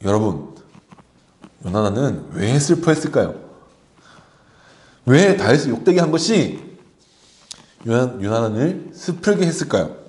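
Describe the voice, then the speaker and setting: A man leads a children's service, retelling a story with plenty of animation. His pitch sits in the middle but rises and falls with a wide, lively range. He often speaks directly to the young listeners. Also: measured pace, long pauses. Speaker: children's pastor.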